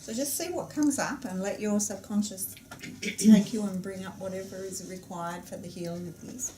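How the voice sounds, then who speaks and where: A woman leading a tapping therapy demonstration in a class, asking gentle probing questions and affirming often. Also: mid-range voice, fairly even intonation, normal speed, slight background noise. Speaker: EFT practitioner running a class.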